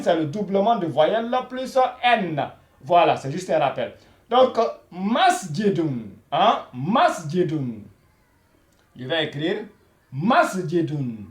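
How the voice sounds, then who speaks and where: A man teaching a beginners' Arabic video lesson, repeating each word slowly and saying "voilà" and "hein" all the time. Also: on the high side, echoey room. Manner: slow and repetitive, repeating each word many times; says "voilà" and "hein" constantly.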